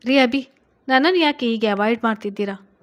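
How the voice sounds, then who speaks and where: A young student wife, as a woman reads her aloud, pleading and hurt in a storybook reading. She speaks a touch higher and louder than the narration. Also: fairly quick, close to an everyday voice.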